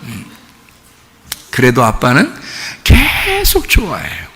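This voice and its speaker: A male pastor preaching a sermon in a church, animated and acting out the voices he quotes. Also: medium pitch, takes it slowly. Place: church sanctuary. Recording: reverberant church hall with faint noise.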